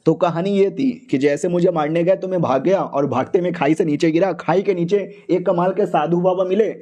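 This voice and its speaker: A man's voice: high voice, moderate pace, dark tone. A man narrating a comic recap in a chatty, slangy, joking storytelling way.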